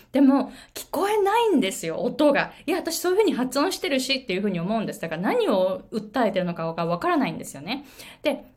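A woman in her forties, a pronunciation coach whose first language is Japanese, teaching in a casual video lesson and telling stories with lots of fillers. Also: mid-range voice. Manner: animated storytelling with many fillers.

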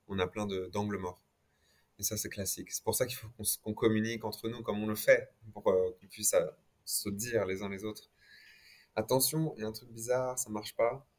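A man with a fairly low voice speaks as an interview guest, reflecting conversationally on his experience and slipping occasional English words into his French.

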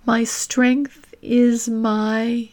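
A woman with a slightly high, level-toned voice leads a guided reflection as a podcast host might, gentle and deliberate with long reflective pauses.

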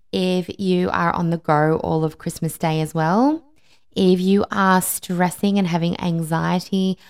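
A woman hosting a wellbeing podcast, giving tidy, upbeat, encouraging advice in a scripted presenter style. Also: fairly low pitch. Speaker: podcast host, life and wellbeing coach.

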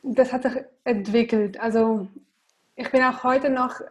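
A woman guest on a podcast speaks in a fairly high voice with very little melodic movement. She answers interview questions in a casual, conversational way. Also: steady tone, measured pace. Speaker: podcast guest, Ayurveda coach.

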